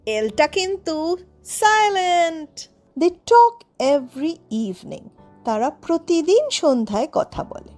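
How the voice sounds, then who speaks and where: A woman teaching vocabulary in a scripted lesson, spelling words letter by letter and reading example sentences very slowly. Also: very high-pitched, big pitch swings, darkish tone, faint music behind. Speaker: language teacher.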